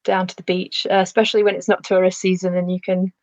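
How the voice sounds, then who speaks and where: A woman's voice: fairly low pitch, level tone, fast, a little mellow, no echo. A woman from Lancashire, a podcast guest, chatting casually and laughing often, with many fillers. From Lancashire, England. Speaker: podcast guest, landscape architect. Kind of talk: casual interview chat. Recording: dull lo-fi dry sound.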